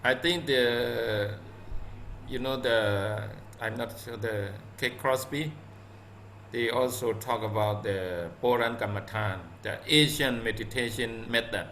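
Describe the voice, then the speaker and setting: Slow, halting male monk, bright tone. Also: mid-range voice, a little hiss or hum. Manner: halting, many pauses and fillers. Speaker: Buddhist monk. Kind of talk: casual Dhamma discussion.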